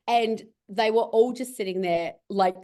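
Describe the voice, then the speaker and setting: A woman's voice: mid-range voice, unhurried, darkish tone. A middle-aged woman, a cosmetics business founder, telling a rambling story in a casual interview and laughing often. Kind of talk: casual video-call interview.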